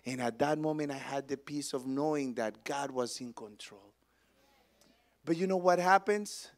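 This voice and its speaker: A male pastor preaching a sermon, swinging between loud proclamation and hushed storytelling. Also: medium pitch, measured pace.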